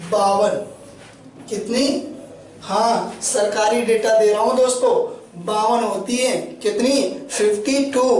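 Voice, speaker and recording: Echoey, high-voiced male grammar teacher. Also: darkish tone, a little hiss or hum. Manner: friendly, joking, asks and answers his own questions. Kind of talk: classroom lecture. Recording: very echoey room, voice from a distance.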